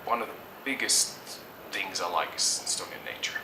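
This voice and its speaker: Speaking at a normal pace in a low voice, a middle-aged man from Germany gives considered interview answers, frequently pausing to hesitate and restart. The mic is far off, the room echoes, and there's background noise.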